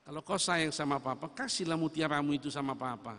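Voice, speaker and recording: A man voicing a father who gently asks his daughter for her pearl. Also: fairly high pitch, fast talker. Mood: coaxing. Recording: reverberant church hall.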